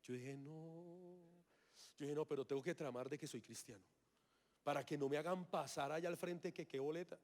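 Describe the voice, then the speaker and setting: A man's voice: fairly high pitch, steady tone, moderate pace, darkish tone. A man, giving a sermon testimony and acting out his own past reactions as he tells the story. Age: 30s. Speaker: preacher.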